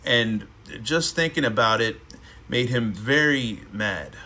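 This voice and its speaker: A man's voice: medium pitch, expressive, slow, a crowd in the background. A man hosting a show, casually reading a children's book aloud with chatty asides. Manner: laid-back, chatty asides.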